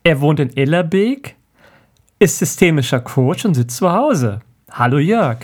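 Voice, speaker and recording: A man's voice: fairly high pitch, sing-song, measured pace. A man hosting his own podcast, introducing his guest and asking short, friendly questions. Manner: friendly, asks short questions, frequent affirming murmurs. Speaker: podcast host. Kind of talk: podcast interview.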